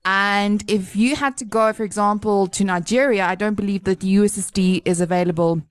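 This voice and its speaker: A South African woman hosting an interview podcast, bubbly and quick to exclaim and laugh. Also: mid-range voice, steady tone, smooth, no echo. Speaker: podcast host. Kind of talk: casual interview chat.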